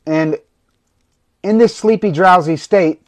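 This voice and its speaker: A man with a slightly raised pitch leads a guided meditation on a livestream. He speaks in a slow, calm, instructional way, drawing out each phrase. The sound comes from a home setup on a phone or computer mic. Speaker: host of a livestream.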